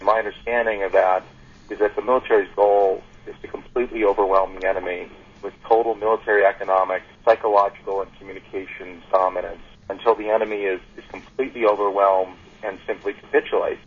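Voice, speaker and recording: A man's voice: fairly low pitch, little pitch movement, quick pace, husky. A man on a panel call earnestly explaining an idea, building it up point by point. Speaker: panel caller. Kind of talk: casual call-in discussion. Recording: muffled lo-fi line.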